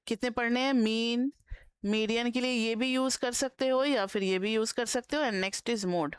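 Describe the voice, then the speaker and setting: Indian woman tutor, slightly high, crisp and dry close-mic sound, dictating slowly. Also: fairly even intonation, no echo. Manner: explains slowly, dictates notes word by word, asks students questions. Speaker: economics tutor. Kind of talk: online lecture.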